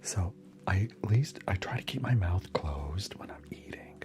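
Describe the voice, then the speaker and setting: A man's voice: sits low, lively intonation, measured pace. Whispering man chatting on an ASMR livestream. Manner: chatty, answers viewer comments aloud between snacks.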